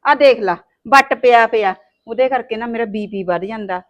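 A woman's voice: on the high side, normal speed, highs cut off, close to an everyday voice. A woman, playing a scheming daughter-in-law who scolds and wheedles in a village family drama. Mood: wheedling. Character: sharp-tongued scheming young daughter-in-law.

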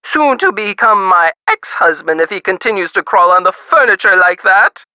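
In a video game, an actress plays a haughty, fussy society matron of great wealth, using grand, imperious, theatrical diction. Her mid-range voice is bright, forceful, and expressive at a normal speed, with a flustered mood and a dry recording.

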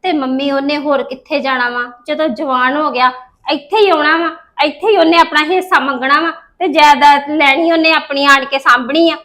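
A woman's voice: high-pitched, fairly even intonation, moderate pace, sharp tone. A woman in a family drama, playing a daughter who plots with her mother and reassures her. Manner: scheming, reassuring. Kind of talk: scripted village family drama.

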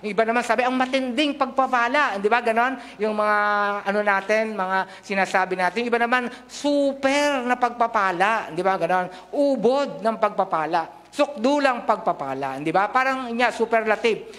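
A man's voice: high-pitched, moderate pace, few pauses, a bit bright. A middle-aged man from the Philippines preaching a sermon into a handheld mic in a large church hall, mixing Tagalog and English and joking with the congregation. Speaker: pastor.

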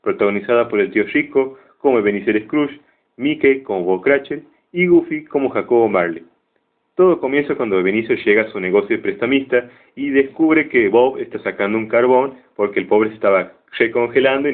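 Brief: male cartoon reviewer, chatty and joking, average pitch, thin phone-like audio. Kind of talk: casual retelling of a cartoon. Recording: tinny phone-like sound.

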